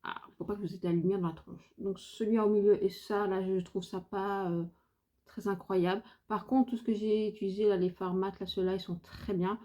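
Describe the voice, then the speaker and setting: French woman doing her makeup on camera, lots of euh and hesitating, mid pitch, kinda dull audio. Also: flat delivery, moderate pace, warm tone. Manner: chatty, hesitant, thinks aloud with many fillers. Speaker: beauty vlogger. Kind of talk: casual makeup tutorial chat.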